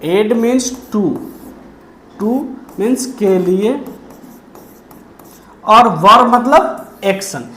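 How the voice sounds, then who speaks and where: A woman teaching a grammar lesson, who poses questions and answers them herself and repeats key terms slowly. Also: mid-range voice, a bit bright, echoey room.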